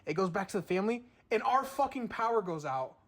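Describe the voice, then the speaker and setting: A man's voice: high-pitched, animated, fast talker, a bit bright. A young man co-hosting a podcast, telling a story in a loose, casual way, swearing freely and acting out what people said. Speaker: podcast co-host. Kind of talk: casual chat.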